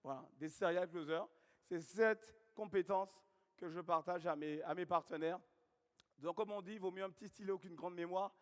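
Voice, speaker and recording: High-voiced man on stage in a reverberant hall. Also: moderate pace. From Guadeloupe. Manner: energetic, questions and calls out to the audience. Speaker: seminar speaker. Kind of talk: motivational stage talk. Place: large hall with live audience.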